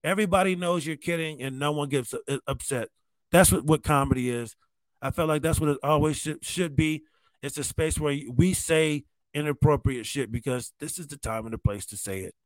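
Slightly high-voiced man telling comedy-gig stories. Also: moderate pace, no room sound. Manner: loose and conversational, often says "man" and "like". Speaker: stand-up comedian. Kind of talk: casual storytelling monologue.

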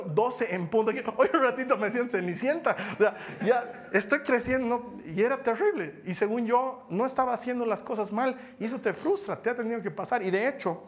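Man preaching a sermon, lively storyteller, humorous, loud then soft, animated. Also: very high-pitched. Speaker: pastor.

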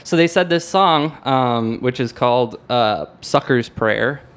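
With a medium-pitched, slightly bright and expressive voice, a young American man hosts a podcast and talks casually about music at a measured pace. His speech is rambling and hesitant, and he keeps cutting himself off and looping back.

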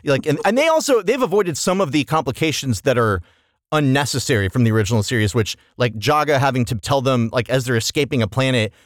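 A man hosts a casual review podcast with emphatic, analytical opinions and some swearing. His pitch moves around a lot, and the sound is close and dry. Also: lively intonation, fast, no echo. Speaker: podcast host.

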